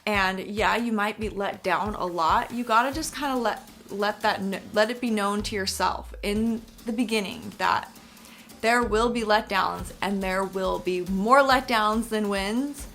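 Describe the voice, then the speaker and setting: A woman's voice: medium pitch, fairly bright tone. Lisping woman with a whistling s, music behind. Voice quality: lisp with whistling s from clip-in veneers. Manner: encouraging, earnest, emphatic. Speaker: singer giving career advice. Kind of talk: casual direct-to-audience advice talk.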